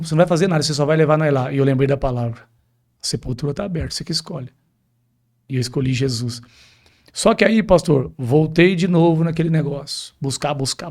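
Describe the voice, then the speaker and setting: A man with a Brazilian Portuguese accent, a pastor telling his personal testimony as a podcast guest, acting out the dialogue as he tells it. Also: on the high side. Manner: vivid storytelling, acting out quoted dialogue.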